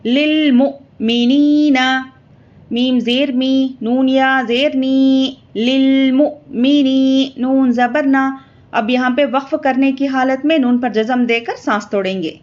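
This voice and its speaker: A woman teaching Quran reading, spelling syllables slowly and drawn out, with quick explanations of the rules in between. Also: high-pitched, steady tone, a little mellow, highs cut off. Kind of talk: slow letter-by-letter spelling lesson.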